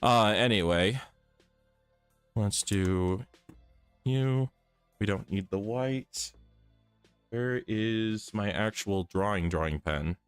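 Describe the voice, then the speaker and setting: A man's voice: fairly low pitch, slow pace, long pauses, smooth, dry recording, faint music behind. A tired man with his voice a bit off, chatting casually with viewers while he draws on a live stream. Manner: chatty, thinks aloud while drawing. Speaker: art streamer.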